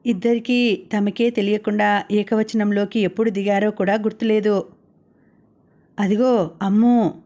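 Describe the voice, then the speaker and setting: A woman narrating a romance novel as an audiobook reader, in a steady storytelling manner. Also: medium pitch, normal speed, highs cut off. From Telugu-speaking India.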